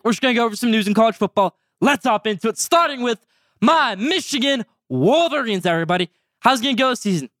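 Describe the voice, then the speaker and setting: Teen guy doing his sports podcast solo, high voice, talks quick and hyped, dry sound. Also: no echo. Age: teens. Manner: energetic, stretches out segment names with excitement. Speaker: podcast host.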